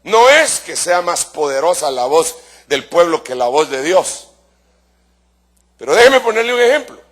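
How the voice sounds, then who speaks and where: With a fairly high, very animated voice, a male pastor delivers a fervent sermon a little slowly. He calls the congregation "brother" and asks rhetorical questions, alternating between soft asides and shouting for emphasis.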